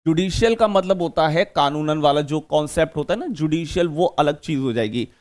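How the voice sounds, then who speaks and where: A man's voice: on the high side, a little fast, darkish tone. A man teaching an exam-prep vocabulary lesson, chatty and joking, repeating key words as memory tricks.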